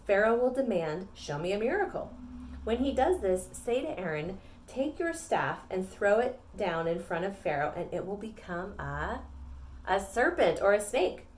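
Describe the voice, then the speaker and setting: A middle-aged woman teaching a children's Bible lesson with props, animated and playful, talking directly to the kids. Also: mid-range voice, a little hiss or hum. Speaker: Sunday school teacher.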